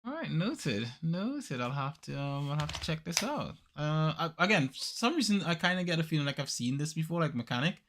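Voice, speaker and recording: A man's voice: fairly high pitch, sing-song, fairly quick, few pauses, noisy background. A man hosting a podcast, talking casually and at length about games he plays with friends, with lots of fillers. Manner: rambling, filler-heavy, laid-back. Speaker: podcast host.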